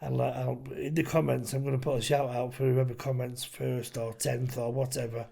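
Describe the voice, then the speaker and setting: A man's voice: mid-range voice, little pitch movement, normal speed, gravelly, a little hiss or hum. A man in his late fifties hosting a casual podcast interview, encouraging and calling his guest "mate". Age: 50s. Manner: warm, encouraging, frequent "yeah", calls guest "mate". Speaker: podcast host.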